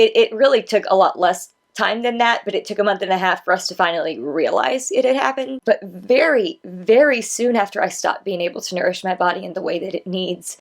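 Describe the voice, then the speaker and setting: A woman in her thirties reflecting candidly as she comments on an older video of herself. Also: medium pitch. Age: 30s. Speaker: vlogger.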